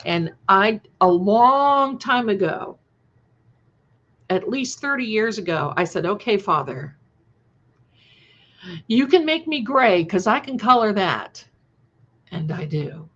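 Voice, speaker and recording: A woman in her sixties hosts a casual livestream, chatting affectionately with viewers and calling them by endearments. Her medium-pitched voice is sing-song and a bit bright, moving slowly with frequent pauses, and the sound is lo-fi.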